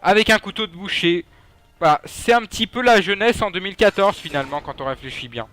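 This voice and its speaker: A man's voice: sits high, fairly quick, bright, forceful tone. A young man giving casual, joking gameplay commentary, trash-talking enemies and swearing. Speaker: gaming YouTuber.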